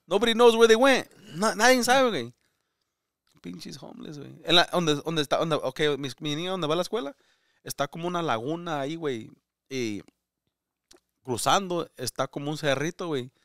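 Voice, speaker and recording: A man co-hosting a casual comedy podcast, rambling and switching between Spanish and English, with loud laughs. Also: a little high, lively intonation, moderate pace, no room sound, clean studio sound. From United States. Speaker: comedian co-host.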